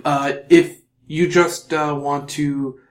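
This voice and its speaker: A man voicing a soft-spoken male elf monastery clerk in a dreamy, far-off manner. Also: on the high side, little pitch movement, slow, reverberant. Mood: dreamy, helpful. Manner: dreamy, airy and far-off way of talking.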